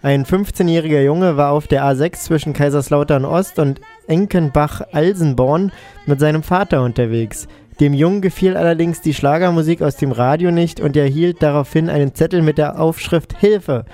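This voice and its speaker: A male radio co-host with a mellow, fairly high voice reads quirky news and tacks on dry, ironic comments. His delivery is loose and conversational. Faint music sits in the background. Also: moderate pace. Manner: dry ironic asides after each news item. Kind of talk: casual joking news reading.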